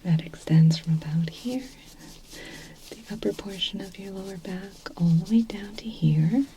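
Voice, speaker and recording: A woman in a whispered role-play, speaking as a gentle clinic examiner in a soft, reassuring, step-by-step manner. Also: medium pitch, a little slow, slight background noise, poor audio. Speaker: ASMR performer playing a clinician.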